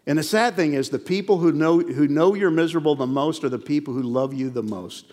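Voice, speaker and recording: A man's voice: a little high, brisk. Male pastor, sermon, acts out dialogue, church hall, reverberant sound. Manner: animated storytelling, acts out dialogue.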